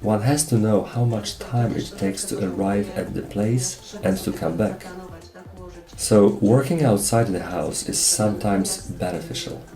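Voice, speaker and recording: A man's voice: fairly low pitch, a little slow, dark tone. A man reading a scripted interview voice-over in formal, stilted phrasing. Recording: roomy echo, music behind. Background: music.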